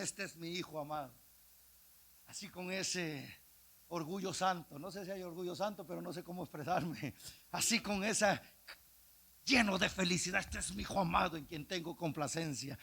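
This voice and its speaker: A male evangelist preaching with a very high, gravelly voice and a bright, sharp edge. He drops to hushed speech, then rises into impassioned shouting. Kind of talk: Pentecostal-style sermon.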